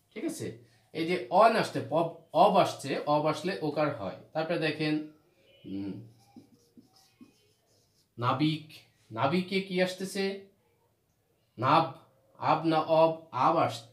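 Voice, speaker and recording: Guy teaching grammar, kinda high voice, keeps asking and answering himself, echoey room. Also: very animated, takes it slowly, long pauses. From Bangladesh. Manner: repetitive, asks questions then answers them. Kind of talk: grammar lesson. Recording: roomy echo.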